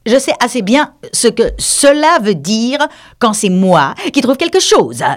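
A woman's voice: on the high side, big pitch swings, unhurried, pitched above the performer's own voice. A woman doing a blunt, literal duck. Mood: matter-of-fact. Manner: matter-of-fact, literal.

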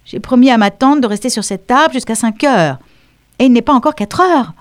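A woman's voice: a little high, normal speed, no echo, studio quality, voice pushed up, close to an everyday voice. A woman voicing a precocious, self-assured English schoolgirl who speaks in a prim, articulate way, in an audiobook reading.

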